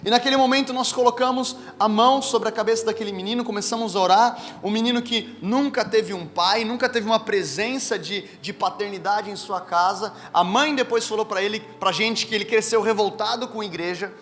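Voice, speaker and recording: A Brazilian man with a Brazilian Portuguese accent, preaching a sermon to a live audience, telling stories in a lively, chatty way and speaking straight to the crowd. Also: high voice, fairly quick, few pauses, a little hiss or hum. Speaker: pastor. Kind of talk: sermon with personal storytelling. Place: church hall with live audience. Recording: reverberant hall with faint music.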